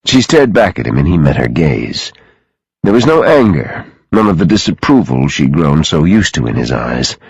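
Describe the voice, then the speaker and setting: A man narrating an audiobook in an expressive, dramatic reading style on a close studio mic. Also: a bass voice, normal speed, creaky, slightly rough, dry recording, rough recording.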